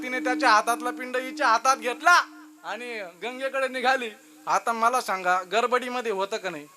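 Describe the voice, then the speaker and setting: A male kirtan preacher giving a devotional sermon and telling stories in an animated way, often calling his listeners Maharaj. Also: very high-pitched. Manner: animated storyteller who keeps addressing listeners as Maharaj.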